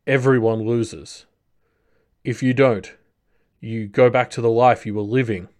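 A man's voice: mid-range voice, steady tone, measured pace, a little mellow, close to an everyday voice. A man voicing a hurt, stubborn male prisoner who argues and pleads in a strained, urgent way. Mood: strained pleading.

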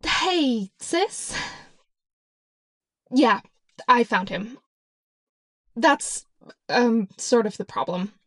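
Man doing a high-voiced young superheroine, hot-tempered, impatient, slow delivery, dry sound. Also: very animated, bright, forceful tone, no echo, heavily acted. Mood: sheepish. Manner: impatient, exasperated. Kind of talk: audiobook character voice.

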